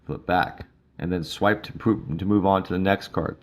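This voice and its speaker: A male instructor giving a relaxed, casual walkthrough of a mobile study app, with frequent fillers. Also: deep voice, moderate pace, a little hiss or hum. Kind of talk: screen-recorded app tutorial.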